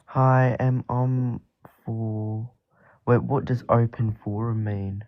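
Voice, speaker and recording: A man calling in, hesitant and halting, his voice muffled as if talking through a door. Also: medium pitch, level tone, faint music behind. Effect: muffled, as if talking through blankets or a door. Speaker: caller. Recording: muffled lo-fi call line.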